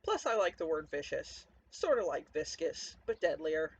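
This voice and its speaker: Speaking directly to the listener, a story narrator voices a cynical, battle-worn survivor of a zombie apocalypse in dramatic first-person narration. The delivery is conversational, very animated, cocky, and defiant, at a middling pitch and normal pace. Faint noise sits behind the dull, muffled lo-fi recording.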